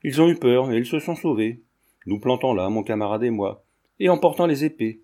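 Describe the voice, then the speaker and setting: A man's voice: mid-range voice, lively intonation, a little fast, mellow, natural voice. A man reading as an earnest young witness. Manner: earnest, defensive.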